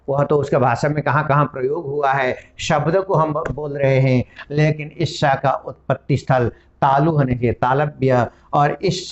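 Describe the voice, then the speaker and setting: A man's voice: medium pitch, lo-fi sound. A man teaching a Sanskrit grammar lesson, explaining and spelling out each sound one at a time. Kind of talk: classroom-style lesson.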